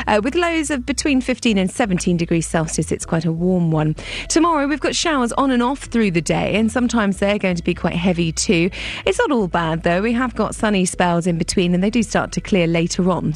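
A British woman presents a radio weather forecast. Her voice sits at an average pitch and her delivery is informal and conversational.

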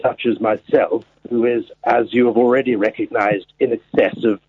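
A male caller putting on the voice of a long-winded, formal elderly gentleman over eighty-five, with a husky, gravelly tone and a stammer. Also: medium pitch, steady tone, normal speed, no echo. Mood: pompous. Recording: phone line.

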